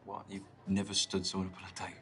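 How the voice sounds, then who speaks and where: A man's voice: sits low, completely flat delivery, fast talker, sharp tone, a little hiss or hum. A young British man acting an awkward, earnest date in a video game, hesitant and full of ums. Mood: nervous.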